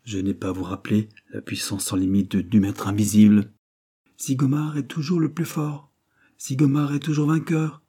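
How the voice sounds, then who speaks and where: A man reading an audiobook, voicing a haughty male villain who shouts indignant protests. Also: mid-range voice, level tone, moderate pace, slightly rough, voice pushed up, lightly acted. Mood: threatening.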